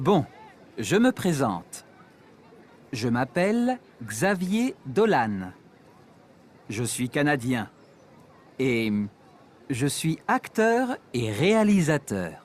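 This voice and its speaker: Guy doing a friendly young actor in a textbook dialogue, slow and lively, higher voice. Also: a faint crowd, a little hiss or hum, heavily acted. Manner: clear, slow, deliberate textbook delivery. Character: friendly young Canadian actor introducing himself. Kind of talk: scripted textbook audio dialogue.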